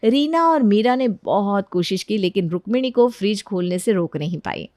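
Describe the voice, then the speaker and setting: A woman's voice: medium pitch, normal speed, dry recording, studio quality. Woman narrating a cartoon moral story. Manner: steady storytelling.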